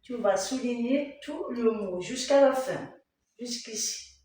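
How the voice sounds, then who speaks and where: A woman's voice: on the high side, slow pace, dark tone. A woman teaching a child in class, patiently correcting spelling and sounding out syllables. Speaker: primary school teacher. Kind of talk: dictation lesson with a child. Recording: echoey classroom, mic far off, faint noise.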